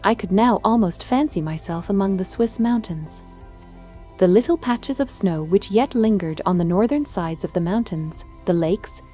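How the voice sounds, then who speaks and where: Dark, mellow woman narrating gothic fiction. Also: medium pitch. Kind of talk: dark scripted audiobook narration of a gothic novel. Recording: music behind the voice. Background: background music.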